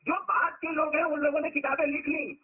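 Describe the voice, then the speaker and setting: A spiritual teacher addresses his followers, telling stories and stressing words to drive his points home. His voice is extremely high-pitched, flat in delivery and fairly quick. The recording sounds lo-fi, like a phone.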